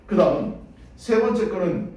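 Male English teacher, casual drilling style, high animated pitch, echoey distant room recording. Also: a little slow. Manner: casual, drills words aloud, asks "됐냐?" often. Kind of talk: classroom pronunciation lesson. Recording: roomy echo, voice far from the mic.

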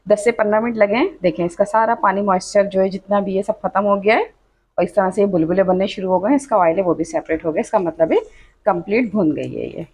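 A cooking channel host narrates a step-by-step tutorial voice-over from her home kitchen, talking fast in a medium-pitched, darkish voice. She's chatty and instructive, frequently saying "achha" and "dekhiye."

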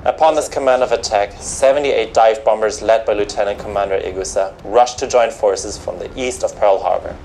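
An actor playing a Japanese naval air commander, reading a wartime recollection in a measured, grave first-person account. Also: male voice, lowish voice, darkish tone, a little hiss or hum, lightly acted.

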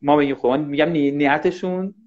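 A man teaching English in a casual live online class, talking fast and animated and often thanking viewers. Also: on the high side. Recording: dull lo-fi livestream audio.

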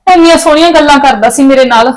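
A woman's voice: high-pitched, quick pace, low-quality recording. A middle-aged woman playing a worried mother who soothes and pleads with her family. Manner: soothing, pleading, tearful at times. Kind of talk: family short film acting.

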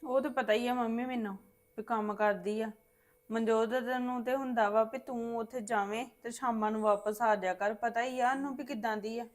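Actress as a weary visiting daughter, soft, peacemaking, slightly high voice. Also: female voice, steady tone, normal speed, lightly acted. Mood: calm. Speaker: daughter in a family drama. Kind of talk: web series family drama acting.

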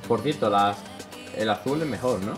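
A young man from Spain, commentating his own gameplay in an excitable way, swearing often and bursting into loud shouts. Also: fairly low pitch, normal speed, over music. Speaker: gaming youtuber.

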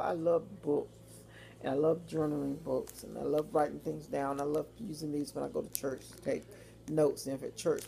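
A woman talks through her shopping finds in a loose, rambling chat. Her voice sits low and carries a gravelly fry. Faint noise hums under her home phone recording. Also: a little mellow. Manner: chatty, rambling, informal with fillers and asides. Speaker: vlogger. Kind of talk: casual haul video chat. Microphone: phone or webcam.

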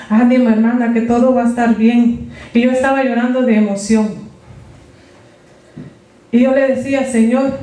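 A woman's voice: on the high side, a little mellow. A woman giving an earnest, fervent testimony sermon, speaking to the congregation as brothers and sisters. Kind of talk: testimony preaching. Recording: very echoey, from far off.

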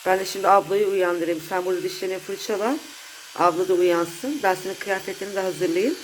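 A woman's voice: mid-range voice, a little fast, a little hiss or hum. Chatty mother coaxing her child. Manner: coaxing, chatty, talks to both child and viewers. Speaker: mother and family vlogger. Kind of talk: family vlog chat.

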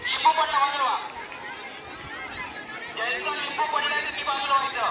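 A man starting races at a school sports meet, barking short hurried commands to students over a PA loudspeaker on an outdoor ground. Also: extremely high pitch, fairly even intonation, crowd noise. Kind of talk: shouted instructions to students.

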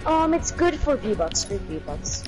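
A woman's voice: medium pitch, sing-song, takes it slowly, music in the background. A woman playing a video game and chatting casually with her squad.

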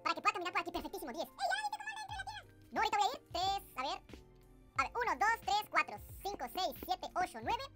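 A man with a Mexican Spanish accent talking through his gameplay in a chatty way, his voice sped up like fast-forwarded tape into a chipmunk sound. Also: very high-pitched, lively intonation, loud music behind the voice, pitched above the performer's own voice. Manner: chatty, counts blocks aloud to himself. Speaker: gaming video host. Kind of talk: casual gameplay commentary.

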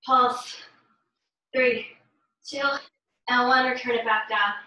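High, bright woman coaching a workout in short commands. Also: flat delivery, slow. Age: young adult. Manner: urgent, encouraging gym coach, short repeated commands; exerting herself while talking. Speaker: fitness instructor leading a home workout. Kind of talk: live workout coaching with counted cues. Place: living room, indoors. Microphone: camera a few metres away. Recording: very echoey room, distant microphone.

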